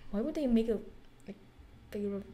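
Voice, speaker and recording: A woman's voice: a little high, a little fast, warm tone, a little hiss or hum. A young woman giving let's play commentary, jumpy and muttering, shrieking at scares. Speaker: gamer.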